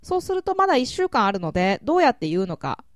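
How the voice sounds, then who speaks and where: A woman hosts a language-learning show and answers listener questions. She is polite and measured and often pauses on fillers, and her pitch moves in a lively, animated way. She is recorded close and dry, with no room sound. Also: dry recording. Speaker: English learning podcast host.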